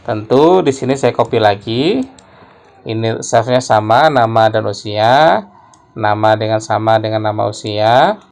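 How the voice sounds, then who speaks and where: Slow, gravelly-voiced man teaching code. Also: medium pitch, a little mellow. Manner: slow, explanatory, thinks aloud while typing. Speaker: programming tutor. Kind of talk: screen-recorded coding tutorial.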